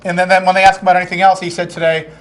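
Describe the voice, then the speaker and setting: A man's voice: high-pitched, level tone, very fast. A man co-hosting a casual political talk show, often mimicking the people he talks about. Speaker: co-host.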